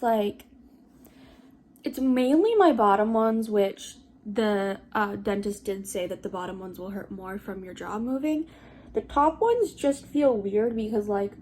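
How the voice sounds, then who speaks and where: A woman's voice: fairly high pitch, dark tone, slight background noise. A young adult woman giving a casual vlog update in an informal, rambling and hesitant way. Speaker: vlogger.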